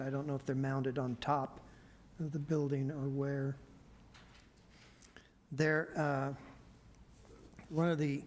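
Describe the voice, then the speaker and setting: A man's voice: mid-range voice, a little mellow. A man giving a staff report at a city planning meeting, hesitant with many fillers, his voice a bit worn. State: losing his voice. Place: council meeting room.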